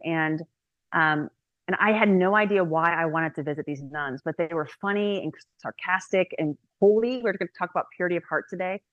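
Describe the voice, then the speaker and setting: Woman, 30s, low voice, dry close recording; chatty podcast testimony full of "like" and "um". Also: brisk, dry recording, highs cut off. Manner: chatty and animated, with many "like"s and "um"s. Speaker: guest speaker.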